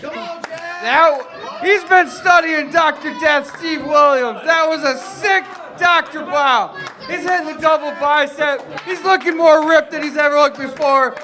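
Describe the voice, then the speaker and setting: A male wrestling commentator with a very high, keyed-up voice gives excited play-by-play. He often pushes into a shout, and a crowd is clearly audible behind him. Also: measured pace. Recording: arena crowd noise behind the voice. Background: live wrestling crowd.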